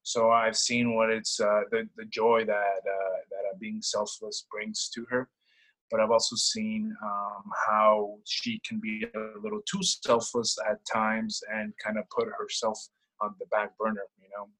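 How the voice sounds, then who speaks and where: This young adult man from El Salvador chats in a relaxed, personal way, often hunting for the right word and circling back over what he's said. His voice sits fairly low and sounds somewhat bright, his delivery is unhurried, and the recording is rough.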